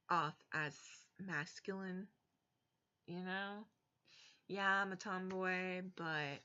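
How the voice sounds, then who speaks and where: Recorded through a desk webcam as dull, lo-fi audio, a young adult woman talks in her bedroom for a personal vlog. Her voice is on the low side, bright and forceful, and she comes across as frank and exasperated with blunt asides.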